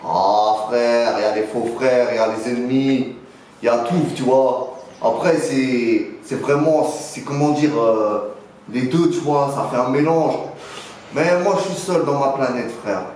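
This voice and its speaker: A man's voice: medium pitch, unhurried, a little mellow, natural voice. Casting: male performer as cocky young street dealer, mock interview, loose French street slang, heavy room echo. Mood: aloof. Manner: slangy, rambling, punctuated with filler address words. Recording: very echoey room, faint noise.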